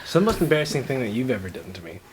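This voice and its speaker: Low-voiced laughing young woman host. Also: sing-song, racing, a crowd in the background. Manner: playful, laughing. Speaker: show host. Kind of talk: casual chat.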